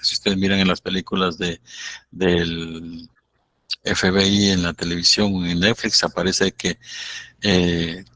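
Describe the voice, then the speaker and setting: A man lecturing law students, explaining slowly and acting out courtroom exchanges. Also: sits low, sharp tone. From Guatemala. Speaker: law professor. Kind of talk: university lecture.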